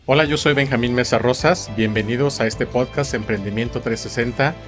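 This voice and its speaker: A man's voice: mid-range voice, fairly quick, over music. A man hosting a business podcast, welcoming guests formally and asking questions with frequent fillers. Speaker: podcast host.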